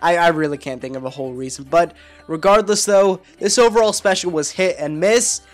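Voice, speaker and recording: Hoarse, rambling young-sounding reviewer man. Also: fairly high pitch, brisk, soft background music. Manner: rambling, filler-heavy, self-correcting. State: hoarse from being sick. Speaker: anime reviewer. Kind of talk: casual video review.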